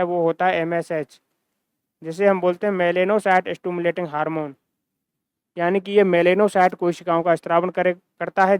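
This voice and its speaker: With a Rajasthani Hindi accent, a man teaches a science lecture recorded in classroom style, asking and answering his own questions while repeating key terms. His high voice is clear and resonant, and there's no room sound.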